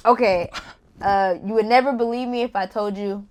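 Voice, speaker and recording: A young woman hosting a casual interview, playful and quick to react, swearing casually. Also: medium pitch, steady tone, darkish tone. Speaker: interview host.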